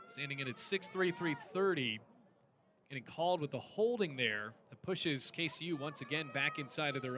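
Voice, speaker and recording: Bright, forceful male football play-by-play commentator. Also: on the high side. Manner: descriptive, clipped play-by-play phrasing.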